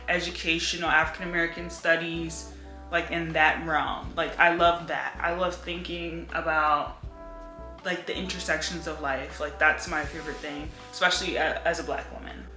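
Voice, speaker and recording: A woman's voice: lowish voice, little pitch movement, unhurried, sharp tone. Chatty young woman, echoey room. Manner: chatty, lots of "like" fillers. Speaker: book vlogger. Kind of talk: casual chat. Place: home room by a bookcase. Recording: echoey room with faint music.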